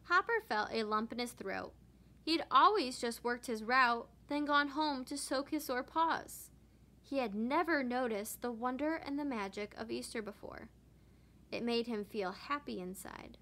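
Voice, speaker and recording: A woman teacher reading a children's picture book aloud with expressive narration. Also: on the high side, a little slow. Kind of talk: storybook read-aloud.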